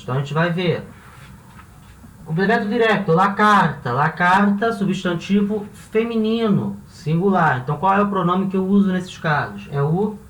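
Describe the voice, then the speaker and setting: In a classroom-style grammar lesson, a male Spanish teacher explains things one step at a time, tossing out rhetorical questions as he goes. He has a high, somewhat bright voice, captured on a roomy, slightly distant mic.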